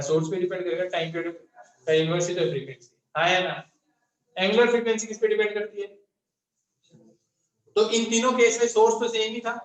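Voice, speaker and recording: Lecturing a class, a high-voiced male physics teacher throws out question after question and answers every one himself. The classroom is echoey, and his voice rings around it.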